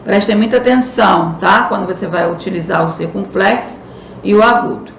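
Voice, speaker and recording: Gravelly-voiced Brazilian woman teaching a lesson. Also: mid-range voice, a little fast. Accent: Brazilian Portuguese. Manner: patient, explanatory, stresses key words. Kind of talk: recorded school lesson. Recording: echoey room, faint noise.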